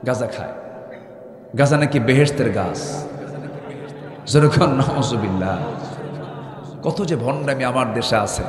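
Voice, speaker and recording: A man preaching a Bengali waz sermon to a large gathering, pushing the crowd to call back louder and building repeated phrases up into shouts. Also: mid-range voice, animated, a little slow, pauses often. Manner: fiery call-and-response, pressing the crowd to answer louder. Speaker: Islamic preacher. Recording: echoey hall with long reverb.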